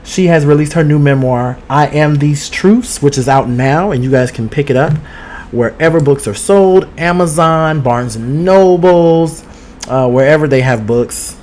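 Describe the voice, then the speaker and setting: A man's voice: on the high side, measured pace, a little mellow, slight background noise. A man hosting a podcast with a casual gossip chat, sassy and outspoken, swearing freely and talking straight to his listeners while streaming from home. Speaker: podcast host. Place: home studio. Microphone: streaming with two cameras.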